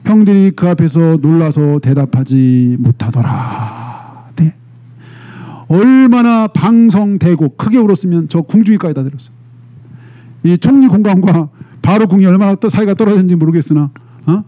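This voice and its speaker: A man's voice: sits high, expressive, moderate pace, mellow, muffled recording. A middle-aged male pastor preaching a sermon, retelling a story dramatically and often prompting the congregation with "eh?".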